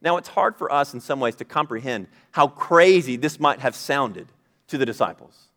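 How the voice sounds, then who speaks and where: A man's voice: mid-range voice, animated, moderate pace, a bit bright. A man, a pastor, preaching a sermon in a conversational style, rising emphatically at key points.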